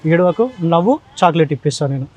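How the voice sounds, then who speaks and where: A man's voice: fairly high pitch, expressive, fast talker, no echo. Reassuring man. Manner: gentle, reassuring, asks many short questions. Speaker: charity vlogger. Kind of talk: casual chat.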